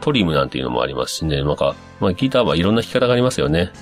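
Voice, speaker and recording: A man hosting a casual talk show, reading listener messages aloud and musing on them in a relaxed, chatty way with plenty of fillers. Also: a bass voice, very fast, faint music behind. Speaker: podcast host.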